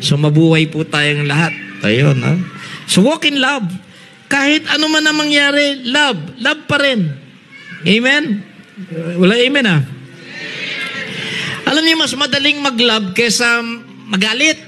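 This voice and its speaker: High-voiced, animated Filipino preacher. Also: male voice, unhurried, long pauses, background noise. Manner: animated, switching between Tagalog and English, calling for amens. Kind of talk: sermon.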